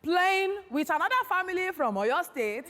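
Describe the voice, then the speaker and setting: High, exuberant Nigerian woman hosting a game show. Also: expressive, moderate pace. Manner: exuberant, projected, teasing. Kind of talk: game show presenting to a studio audience. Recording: reverberant studio hall, crowd noise. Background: studio audience and noise.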